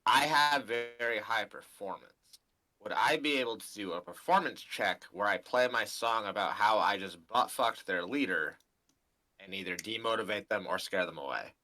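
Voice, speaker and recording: Tabletop player, man, low bright voice, crude and jokey banter. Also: normal speed, rough recording. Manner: crude, joking.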